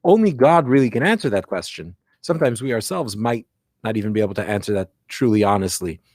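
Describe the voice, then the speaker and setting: A man's voice: fairly low pitch, lively intonation, fast, a little mellow, no room sound, studio quality. A man speaking as a rabbi, explaining religious teaching conversationally and reflectively, often posing questions and checking in with the listener. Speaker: rabbi giving religious guidance.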